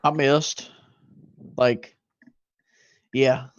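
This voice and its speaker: A man's voice: mid-range voice, fairly even intonation, very slow, no room sound, highs cut off. A man playing a tabletop role-playing game, easygoing and chatty. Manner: easygoing, swears when frustrated. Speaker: player. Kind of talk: tabletop game play, casual chat.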